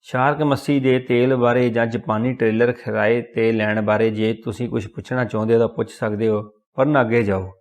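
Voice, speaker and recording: A man's voice: medium pitch, fairly even intonation, a little fast, hardly any pauses, close to an everyday voice. A man voicing a brusque, dismissive male office clerk.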